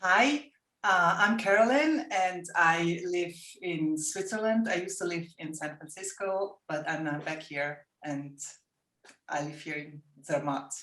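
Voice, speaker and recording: A woman's voice: lowish voice, measured pace, fairly bright tone. A woman introducing herself briefly and easily as a guest on a webinar over a video call. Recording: echoey and distant call audio.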